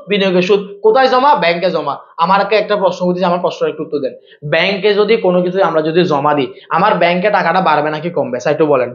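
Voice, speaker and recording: A man's voice: high voice, a bit bright, lo-fi sound. A man teaching an accounting class live online, firing off questions and repeating himself. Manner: rapid-fire, repeats himself and quizzes students.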